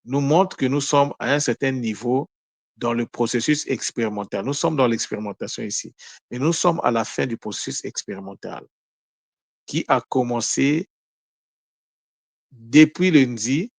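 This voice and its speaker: A man giving a daily spiritual teaching, explaining words slowly and carefully with frequent pauses. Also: mid-range voice, vocal fry, no echo. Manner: slow, measured, explaining word by word with pauses.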